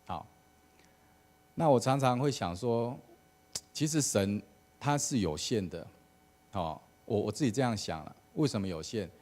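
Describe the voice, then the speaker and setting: A man's voice: mid-range voice, lively intonation, unhurried, pauses often, a little mellow. A man, a church elder giving a casual sermon with an anecdote at a prayer meeting. He talks conversationally and often starts phrases with "好" and "哦".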